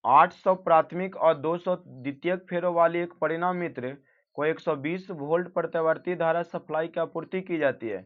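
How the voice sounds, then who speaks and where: Male teacher, fairly high voice, reads questions and gives answers for exam practice, dull lo-fi audio. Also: normal speed. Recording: dull lo-fi recording.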